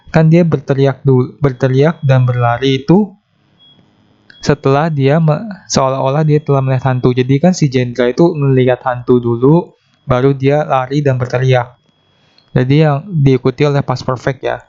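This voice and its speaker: A man teaching an exam-prep grammar lesson, going through each question step by step. His voice sits at an ordinary middle pitch, and he slows down deliberately whenever he reads the English answer options aloud. The recording is dull and lo-fi. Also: mellow.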